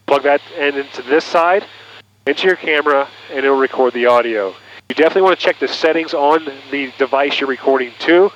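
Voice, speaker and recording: With a medium-pitched, slightly bright voice, this man gives an instructional product demonstration like a pilot talking over the intercom. He is recorded through an aviation headset on an intercom cable, so the audio is muffled and noisy, like a cockpit.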